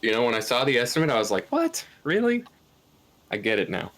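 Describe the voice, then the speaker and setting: A man's voice: fairly low pitch, rapid-fire, fairly bright tone. A tired man doing live speedrun commentary, rambling, giggling and tripping over his words.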